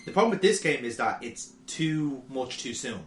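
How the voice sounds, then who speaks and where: A man's voice: mid-range voice, big pitch swings, moderate pace, a bit bright. Sweary man in an echoey room. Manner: sweary, rambling, laughs often. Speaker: let's play commentator. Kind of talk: casual gaming chat. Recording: echoey room with faint noise.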